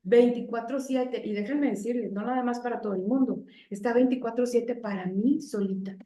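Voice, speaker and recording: A woman preaches her own testimony with raw, pleading passion. Her voice sits fairly high and keeps throwing rhetorical questions at the listeners. The recording echoes around the room. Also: moderate pace, mellow. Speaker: lay preacher. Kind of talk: religious testimony talk.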